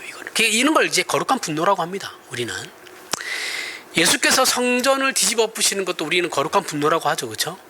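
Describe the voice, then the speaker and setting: A middle-aged man with a Gyeongsang accent preaches in a sermon, speaking in a high voice with very bright, forceful tone. His delivery is chatty and animated, swinging widely in pitch, asking for agreement and laughing at himself. A faint hiss sits under the recording. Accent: Gyeongsang Korean. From Gyeongsang region, Korea. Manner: conversational, often asks the congregation for agreement, laughs at himself. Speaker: pastor.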